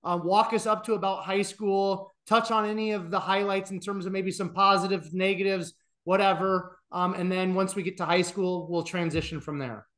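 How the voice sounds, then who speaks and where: A man with a notably high voice, hosting a casual podcast interview. He asks loose, rambling questions, dotted with fillers. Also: fairly even intonation, moderate pace, a bit bright. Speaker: podcast host.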